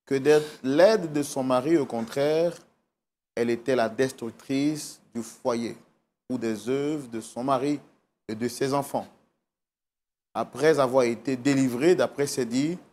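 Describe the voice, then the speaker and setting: A man's voice: medium pitch, darkish tone. A man hosting a TV talk show, moving into a solemn, declamatory preaching tone.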